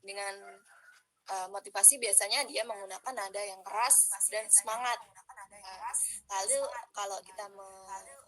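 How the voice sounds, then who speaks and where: Bright-voiced young woman coaching public speaking. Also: medium pitch, steady tone, a little slow, low-quality recording. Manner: chatty, many fillers, coaching breathing drills. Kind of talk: casual online workshop talk.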